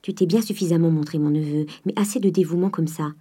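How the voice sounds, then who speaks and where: A woman's voice: deep voice, fast, mellow, slightly rough. A woman voicing a cautious male notary lecturing his nephew. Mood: scolding. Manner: admonishing. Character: prudent middle-aged male notary, scolding.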